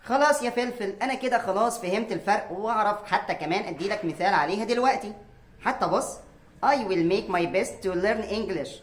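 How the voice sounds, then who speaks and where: A woman's voice: medium pitch, lively intonation, brisk, close to an everyday voice. A woman voicing an overconfident young man who shows off and gets flustered when corrected, speaking with an Egyptian Arabic accent. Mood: sheepish. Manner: boastful, then sheepish when corrected. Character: cocky young man, overconfident show-off student. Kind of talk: cartoon comedy skit.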